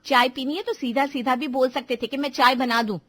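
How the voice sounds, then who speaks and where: A woman's voice: high voice, steady tone, a little fast, fairly bright tone. A woman voicing a young newlywed wife who argues back defensively with her husband. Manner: defensive, exasperated. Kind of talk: Hindi cartoon voice acting.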